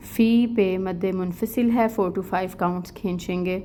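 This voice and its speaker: A woman's voice: lowish voice, fairly even intonation, dark tone, slight background noise. A woman with a Pakistani Urdu accent teaching an online tajweed lesson, explaining rules step by step in plain speech. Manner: slow melodic recitation of verses, then plain explaining.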